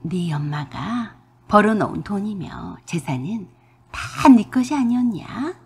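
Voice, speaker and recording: A woman's voice: mid-range voice, expressive, unhurried, husky, heavily acted. A woman voicing a pushy, greedy older mother-in-law who scolds and demands, in a radio drama reading. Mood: scolding. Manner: domineering, scolding, shouting.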